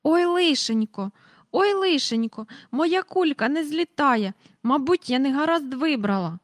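A woman voicing a fussy, old-fashioned elderly lady who frets slowly in a high voice. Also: expressive, no echo, studio quality. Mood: fretful. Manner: fretful, slow lamenting.

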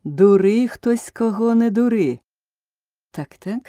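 A woman reading aloud, voicing a pompous, self-satisfied old king in a storybook who mumbles slowly and smugly. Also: a little high, lively intonation, mellow, dry recording, clean studio sound, pitched above the performer's own voice. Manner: slow, mumbling, smug.

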